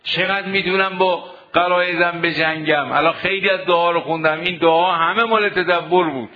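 A man's voice: sits high, fairly even intonation. A man preaching a sermon to seminary students, exhorting them with rhetorical questions. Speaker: cleric teaching seminary students. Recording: dull lo-fi recording.

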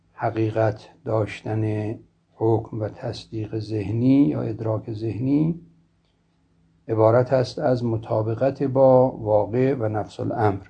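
Slow, gravelly-voiced male philosophy lecturer. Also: medium pitch, warm tone. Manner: slow, measured, scholarly delivery with frequent throat clearing. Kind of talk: formal lecture. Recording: dull lo-fi recording.

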